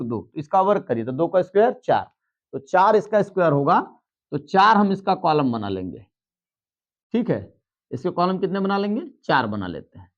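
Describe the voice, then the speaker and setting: A man's voice: on the high side, darkish tone, muffled recording. A man teaching a biology lesson at a board, explaining step by step and checking in with students. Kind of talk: blackboard lesson.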